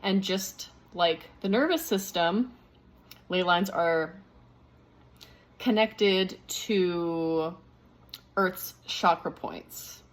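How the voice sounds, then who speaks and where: A woman with a fairly low-pitched voice speaks as a spiritual teacher, explaining things unscripted. She thinks aloud in measured phrases.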